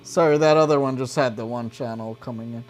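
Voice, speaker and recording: Speaking at a medium pitch and a fairly quick clip, a man demonstrates a guitar effects pedal one step at a time. The demo is informal, and he often checks in with "right" and "okay."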